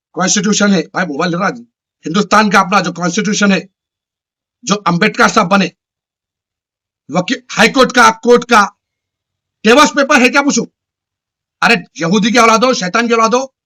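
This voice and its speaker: A man, the chairman of a local news channel, ranting to the camera in loud, repetitive short bursts. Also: high voice.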